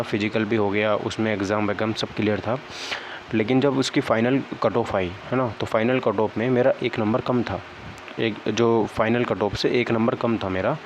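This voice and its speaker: A young adult male exam-prep vlogger, fairly low in pitch, explains things to viewers in a casual, conversational tone. Disappointment and a downcast mood come through, and he keeps adding small "okay, right" tags to check in. Sound quality is dull and lo-fi, with faint noise behind him.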